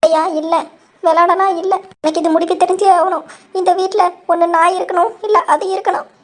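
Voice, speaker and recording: A woman voicing a quick-tongued, dramatic young daughter-in-law in a cartoon, sassy and defiant. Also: high-pitched. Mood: whining. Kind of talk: cartoon voice acting.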